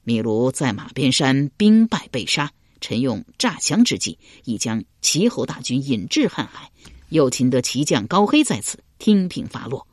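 A man's voice: medium pitch, sing-song, normal speed, no echo, clean studio sound. A man doing a cunning ruthless marshal. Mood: scheming. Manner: scheming, then threatening.

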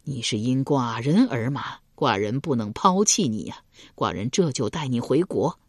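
A woman voicing a grave, dignified ancient king who speaks slowly and solemnly in a storybook reading. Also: rumbling low, big pitch swings, breathy edge, no echo, clean studio sound, pitched below the performer's own voice, exaggerated voice. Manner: slow, measured, solemn.

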